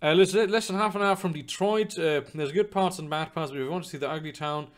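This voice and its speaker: This is a young man's high-leaning voice, going fast as he streams live. Reading chat, he rambles casually to his viewers, with plenty of fillers and casual swearing.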